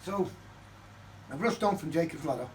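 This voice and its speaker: Older man, high-pitched, profane and heated, off-mic with light hiss. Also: animated, moderate pace, a little mellow. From Manchester, England. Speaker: vlogger. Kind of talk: casual storytelling to camera. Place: his flat, indoors. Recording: distant mic with faint background noise.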